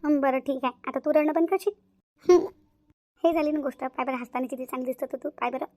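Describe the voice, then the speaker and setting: Woman voicing a fond, quick elder sister-in-law. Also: sits high, fairly even intonation, mellow, no echo, natural voice. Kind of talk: cartoon voice acting.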